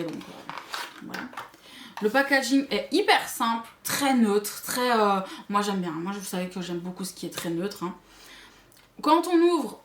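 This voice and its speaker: A woman with a Belgian or Swiss French accent reviews makeup to camera in a chatty way, full of asides to her viewers. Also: medium pitch. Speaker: beauty vlogger. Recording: echoey room.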